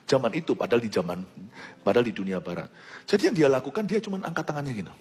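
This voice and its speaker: An Indonesian man preaching a sermon in an animated manner, mimicking the sounds of foreign languages and moving between loud and hushed delivery. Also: medium pitch, racing, slightly rough, big-room sound.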